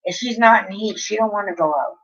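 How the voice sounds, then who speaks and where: A woman's voice: medium pitch, fairly quick, fairly bright tone, husky, lo-fi sound. A woman, livestreaming from home and telling a long story in a casual, chatty way with frequent swearing. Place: home, near an open window.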